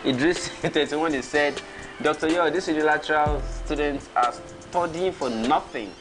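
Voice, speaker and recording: A man's voice: on the high side, normal speed, music in the background. Nigerian man reading viewer comments. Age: 30s. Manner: reads comments aloud, reacts with chuckles. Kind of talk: casual livestream commentary.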